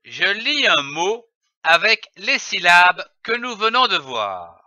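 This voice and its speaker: A man teaching a reading lesson, spelling out syllables slowly and clearly with emphatic delivery. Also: high-pitched, sing-song, sharp tone, no echo, highs cut off. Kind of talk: slow, deliberate reading lesson.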